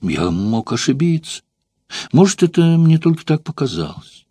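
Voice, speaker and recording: A man's voice: fairly high pitch, very animated, moderate pace, dark tone, slightly rough, no echo, clean studio sound, pitched above the performer's own voice, full character voice. A man playing a guarded old male actor. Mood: confiding. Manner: guarded, confiding. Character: old dissolute male actor, secretive and cautious. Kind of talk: audiobook character voicing.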